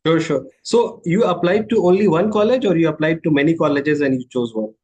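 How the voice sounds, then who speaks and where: A man's voice: a little high, brisk, a little mellow, slightly rough. A man hosting a podcast, asking questions in a casual interview and often affirming the guest before he goes on. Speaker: podcast host.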